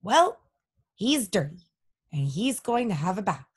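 A woman voicing a brisk, determined farm wife who insists on having her way, in a storybook reading. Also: mid-range voice, very animated, husky, full character voice. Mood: insistent. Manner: bossy and insistent.

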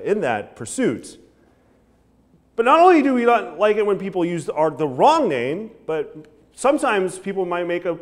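A man in his thirties preaching an evening sermon from a church pulpit, gesturing and often asking "right?". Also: fairly high pitch. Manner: animated preaching with frequent "right?" asides and hand gestures. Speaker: pastor.

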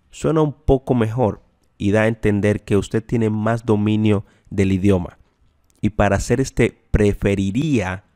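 Slow, deep-voiced male language teacher. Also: mellow, no room sound, studio quality. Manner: slow, repeats example sentences. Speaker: English teacher. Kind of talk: language lesson.

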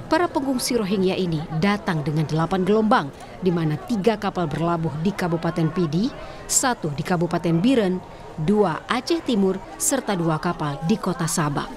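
A woman field reporter, reading a news report in a steady, formal voice. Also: lowish voice, normal speed, crowd noise.

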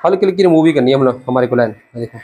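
A young barber speaks very fast in a mellow, mid-range voice with lively intonation, and a little hiss or hum is audible. Using a lapel mic, he demonstrates a haircut to camera step by step in his small shop, chatting in a brotherly way and saying "theek hai" often.

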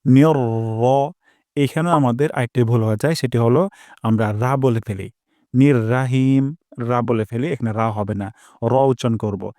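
Man teaching recitation, slow drawn-out demonstrations. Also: medium pitch, a little mellow, dry recording, clean studio sound. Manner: slow, drawn-out demonstrations of each sound, repeated. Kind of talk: pronunciation lesson.

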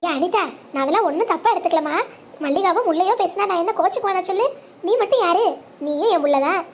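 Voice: very high-pitched, quick pace, a little hiss or hum. A voice actor playing a kind, doting older mother-in-law in a family cartoon drama, speaking soothingly and reassuringly.

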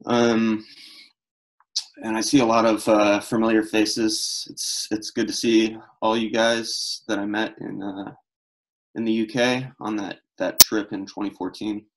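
Young adult male, slightly low pitch, slow delivery; solemn, halting, unscripted memorial speech. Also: flat delivery, fairly bright tone, low-quality recording. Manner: solemn, halting, struggling to speak. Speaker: friend giving a memorial tribute. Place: small room at home, indoors. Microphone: video call, computer microphone.

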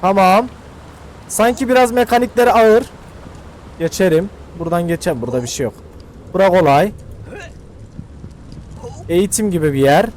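A young man casually commenting as he plays a video game for his channel, chatty and slangy, thinking out loud as he goes. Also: sits high, moderate pace, pauses often, slight background noise. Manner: chatty, slangy, thinks aloud while playing. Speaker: gaming YouTuber. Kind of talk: casual let's-play commentary.

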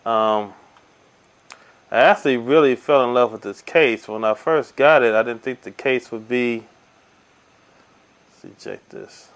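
An easygoing man narrates a hands-on tech demo at a table by the window. His voice sits in an ordinary middle range, and he walks through each step slowly with plenty of ums and uhs, as heard through a camera mic. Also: medium pitch. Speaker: tech reviewer. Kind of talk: casual hands-on product demo. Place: indoors at a table by window blinds.

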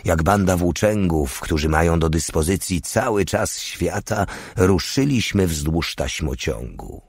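A man reading an audiobook in a measured, unhurried narrating style. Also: low voice, lively intonation, slightly rough, no room sound, studio quality. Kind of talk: scripted narration.

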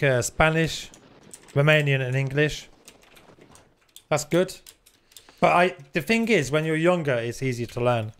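A man chats casually while live-streaming a game, reading viewer comments aloud and swearing now and then. His voice is a little high, with a clear, resonant tone.

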